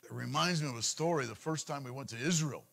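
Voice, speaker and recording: A man's voice: mid-range voice, fast talker, gravelly. A middle-aged man preaching a sermon to his congregation in a conversational style, often repeating words as he goes. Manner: animated, conversational preaching with frequent repetitions. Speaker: congregation leader.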